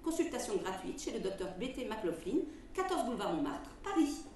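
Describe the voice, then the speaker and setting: A woman playing an insistent, declamatory advertiser delivering a theatrical old-time pitch for a quack cure. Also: very animated, darkish tone, distant mic. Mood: insistent, bombastic. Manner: declamatory, insistent, rapid-fire questions and commands. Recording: roomy with faint background noise.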